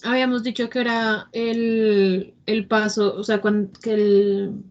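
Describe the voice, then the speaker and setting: A female student answers a teacher's question in an online class. She speaks slowly and hesitantly, repeating words as she goes. Her voice sounds distant from the mic, and the call audio is dull. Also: mid-range voice, flat delivery, darkish tone. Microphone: distant mic in a video call. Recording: distant, dull lo-fi meeting recording.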